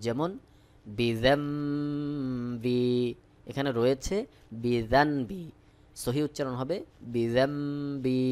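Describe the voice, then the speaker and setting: Speaking in a mid-range voice, a Bengali-speaking man with a Bangladeshi accent leads an Arabic recitation lesson. He breaks each word into slow syllables before repeating it as one joined word.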